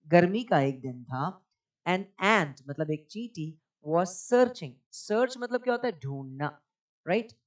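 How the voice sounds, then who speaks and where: A man teaching an English reading lesson in Hindi and English, explaining word meanings patiently and quizzing his listeners. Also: high-pitched. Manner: patient, repeats words and asks quiz questions.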